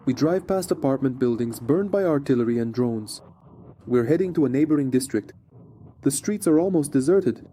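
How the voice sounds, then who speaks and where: A man's voice: mid-range voice, expressive, normal speed, dark tone, slight background noise. A man narrating a scripted frontline report as a war correspondent.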